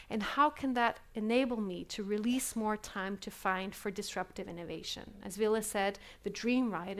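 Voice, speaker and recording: A medium-pitched woman gives a live keynote at a conference hall in English, which is her second language. She sounds reflective, leans on fillers, and keeps asking the audience questions.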